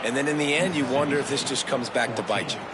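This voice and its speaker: A man's voice: mid-range voice, fast talker, very noisy. An American man giving analytical color commentary on a football broadcast. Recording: loud music behind commentary. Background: loud music.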